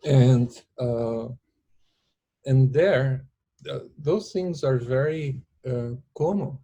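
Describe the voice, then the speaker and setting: A man from Brazil with a Brazilian Portuguese accent, a podcast guest talking in slow, searching phrases, Portuguese his first language. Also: mid-range voice, mellow, dull audio. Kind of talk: podcast interview.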